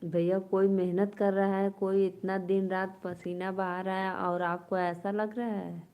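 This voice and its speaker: A woman's voice: medium pitch, level tone, unhurried, clear, resonant tone, muffled recording. A woman hosting a casual live stream, chatting with viewers and coaxing them to stay and comment.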